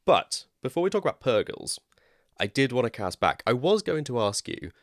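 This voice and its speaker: A man's voice: medium pitch, big pitch swings, normal speed, no room sound, studio quality. A man with a West Country accent co-hosting a podcast, explaining in a rambling, chatty way and laughing at himself. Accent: West Country English. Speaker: podcast co-host. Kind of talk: casual chat.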